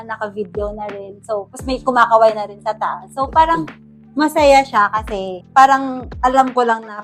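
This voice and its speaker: A young Filipino woman animatedly telling the story of her proposal, acting out what she said. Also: on the high side. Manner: animated, acts out her own quoted lines. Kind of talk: casual storytelling.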